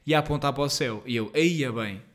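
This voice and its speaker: A young man from Portugal with a European Portuguese accent hosting his own podcast from home, rambling and excitable with lots of slang and fillers. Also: medium pitch, fast talker. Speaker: podcast host. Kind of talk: casual solo podcast monologue.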